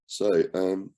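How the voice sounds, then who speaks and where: A man with a cold and a croaky voice, hosting an online book discussion in a relaxed way and asking his group questions. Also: low voice. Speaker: book club host and coach.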